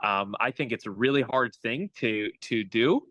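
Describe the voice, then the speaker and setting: A young man speaks as a guest hitting coach in a casual interview, keeping his tone upbeat and motivational. His voice is bright and forward, at an ordinary middle pitch. The sound is dry and close, as if over a video call. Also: animated, moderate pace, dry recording, dull audio. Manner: upbeat, motivational, pep-talk phrasing.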